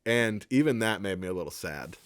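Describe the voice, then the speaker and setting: A man co-hosting a podcast in casual chat, teasing and quick to laugh. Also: on the low side, lively intonation, clear, resonant tone, no room sound. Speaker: podcast co-host.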